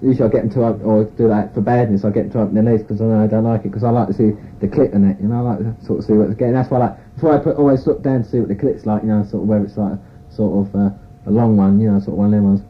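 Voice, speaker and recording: Man, interviewee, rambling frank account, fast delivery, lo-fi phone-like tape with faint hiss. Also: lowish voice, fairly even intonation. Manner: rambling, full of "you know" and "sort of".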